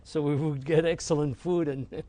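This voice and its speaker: A man from Argentina whose first language is French, a rabbi recounting his experiences at an unhurried pace as an interview guest. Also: a little high, fairly even intonation, warm tone, dry recording. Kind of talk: reflective storytelling.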